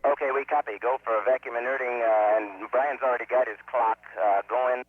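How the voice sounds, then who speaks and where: A man's voice: mid-range voice, fairly even intonation, brisk, slightly rough, no echo. A man speaking as a shuttle commander over a crackly air-to-ground radio transmission, in clipped radio procedure talk. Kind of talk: live mission radio exchange. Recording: tinny, dry lo-fi radio link.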